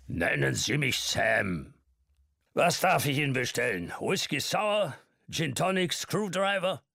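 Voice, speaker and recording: A hearty old man in his nineties, portly and brimming with vitality, as a male narrator puts him on. He is pitched well above the reader's own low voice and talks loud, slow and exuberant, with a gravelly edge. The recording is close and dry. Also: very animated, no room sound, exaggerated voice. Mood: jovial. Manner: booming, jovial, shouting over noise.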